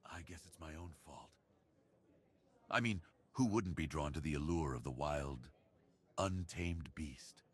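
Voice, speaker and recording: In an ASMR roleplay, a man plays a brooding werewolf, his voice extremely deep, husky and heavily breathy. Speaking slowly and intimately in a heavily acted performance, he becomes a lonely beast confiding his longing, with a wistful, brooding mood.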